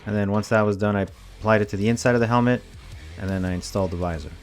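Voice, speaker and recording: A man in his thirties with a fairly low voice walks through each craft step in a relaxed, matter-of-fact way. It is a casual tutorial voice-over. Faint music plays underneath. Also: very fast. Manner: relaxed, plain step-by-step explaining. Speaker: cosplay prop maker. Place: home workshop, indoors.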